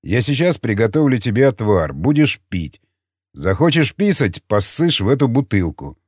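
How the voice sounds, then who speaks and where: A man voicing a calm, commanding seasoned scavenger who speaks tersely and bluntly. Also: medium pitch, normal speed, slightly rough, dry recording, clean studio sound. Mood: stern. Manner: terse, blunt, matter-of-fact.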